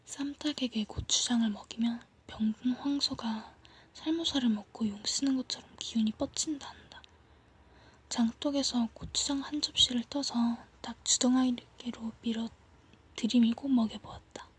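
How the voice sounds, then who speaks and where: A woman reading a story as ASMR in a soft, hushed, breathy whisper, as if leaning in close to whisper. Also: fairly high pitch, moderate pace, slight background noise. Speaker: ASMR reader.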